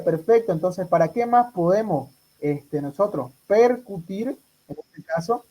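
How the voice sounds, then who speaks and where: A man's voice: high voice, mellow, low-quality recording. A man tutoring medical students for an exam, quizzing them and repeating their answers back. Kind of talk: exam review class.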